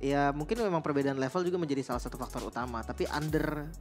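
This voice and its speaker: A man's voice: fairly high pitch, fast. A man giving casual analytical co-commentary on a match, repeating words for emphasis. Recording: game music behind.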